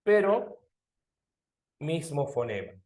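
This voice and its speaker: Lively male teacher, echoey room. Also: fairly high pitch, slow pace. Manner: lively, questioning students often, animated. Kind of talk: online exam-prep language class.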